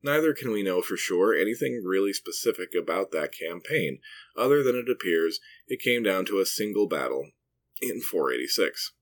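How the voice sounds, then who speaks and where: A man's voice: low-pitched, sing-song, normal speed. A middle-aged man hosting a history podcast, reading scripted narration with dry, self-mocking asides.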